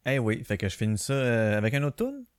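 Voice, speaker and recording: A man's voice: medium pitch, big pitch swings, fairly quick, smooth, no echo, studio quality. A man with a Québécois French accent hosting a casual solo podcast from his bedroom on a small home mic, rambling with lots of fillers and restarts. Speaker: podcast host. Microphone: small home microphone.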